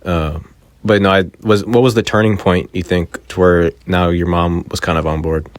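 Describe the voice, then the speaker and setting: A man's voice: sits low, steady tone, moderate pace, dry recording. A man hosting a casual interview, easygoing and asking follow-up questions. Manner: easygoing, asks follow-ups with many fillers. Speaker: podcast host.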